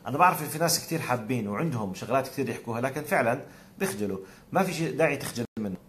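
A man's voice: medium pitch, animated, racing, slight background noise. A man with a Jordanian accent hosting a live call-in broadcast, greeting viewers one by one with blessings. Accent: Jordanian Arabic. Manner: warm religious blessings, conversational. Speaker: call-in show host.

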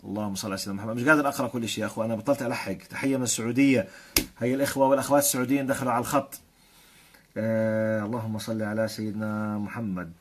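A man's voice: on the low side, fairly even intonation, rapid-fire, slight background noise. A man from Jordan with a Jordanian accent, hosting a live stream and greeting viewers one by one with blessings and frequent chuckles. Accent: Jordanian Arabic. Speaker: host.

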